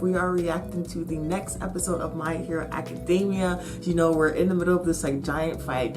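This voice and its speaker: A woman with a slight lisp from wearing a retainer, hosting a reaction video in excited, casual chat. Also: low voice. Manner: excited, animated. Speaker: host of an anime reaction channel.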